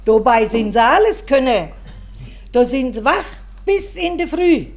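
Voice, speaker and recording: High-pitched woman, reciting rhymes slow and wry like a stage comic. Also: animated, a little mellow. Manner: wry rhyming delivery, slow and deliberate. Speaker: comedian. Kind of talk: rhymed comic monologue about her husband.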